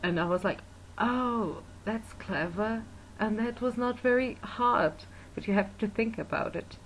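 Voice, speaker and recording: Slow, hesitant woman from Portugal. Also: a little high, slight background noise, poor audio. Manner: hesitant, many fillers and restarts. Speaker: English and German teacher. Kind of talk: spoken video assignment review. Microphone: built-in webcam mic.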